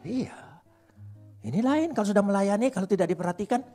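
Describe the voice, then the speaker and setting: Male pastor preaching, raspy and creaky, big lively pitch swings, soft guitar underneath. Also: a little fast. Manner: animated preaching, swings loud and soft, jokes with the congregation. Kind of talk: sermon.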